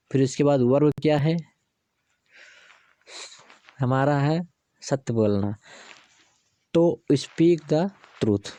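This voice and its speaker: Guy teaching english grammar, keeps asking then answering, dark voice, dry close sound. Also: medium pitch, no echo. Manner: repetitive, patient teaching with rhetorical questions. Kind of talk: explaining grammar examples step by step.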